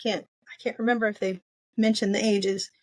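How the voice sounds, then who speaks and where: Talking casually about books, a woman co-host rambles slightly and thinks aloud on her podcast. She speaks at medium pitch with a steady tone and moderate pace, and the recording is dry.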